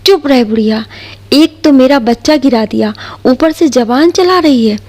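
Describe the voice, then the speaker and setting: A woman's voice: high-pitched, normal speed, a little mellow. A woman voicing a bullying young sister-in-law who scolds harshly. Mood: scolding.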